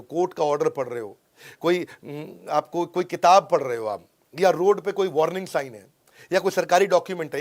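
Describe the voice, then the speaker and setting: Emphatic Hindi-speaking male lecturer, higher-pitched. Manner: emphatic, repeats points, acts out film dialogues in a lowered voice. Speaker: motivational speaker teaching English learning tips. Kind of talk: energetic Hindi lecture with English phrases.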